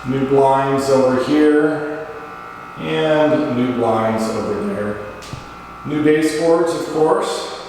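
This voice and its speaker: A man's voice: medium pitch, very slow, over music. A man hosting a casual, matter-of-fact walkthrough of a house as its owner, listing details item by item. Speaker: property owner and video host. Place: indoors in an empty house. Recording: very echoey empty house, faint noise.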